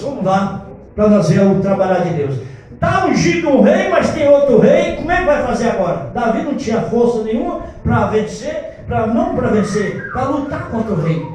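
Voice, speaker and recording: A man, a pastor preaching an animated storytelling sermon to his congregation on a handheld microphone. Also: high voice, slight background noise. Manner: animated, addresses congregation as brothers. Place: church hall. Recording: echoey church room from far off, faint music.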